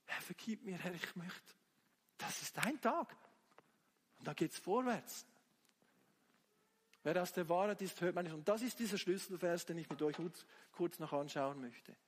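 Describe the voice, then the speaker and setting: A man's voice: sits high, animated, normal speed, long pauses, a little hiss or hum. A man preaching a sermon with fervor, firing rhetorical questions at the congregation. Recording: long hall reverb.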